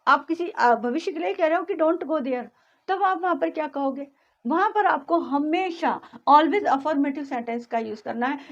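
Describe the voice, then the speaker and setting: High-voiced woman teaching grammar, lo-fi. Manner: explains patiently, reads example sentences slowly and repeats them. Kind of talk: explanatory lesson.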